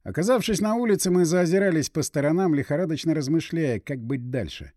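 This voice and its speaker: Man narrating first-person audiobook, brisk expressive reading, bit high, dry close mic. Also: no echo.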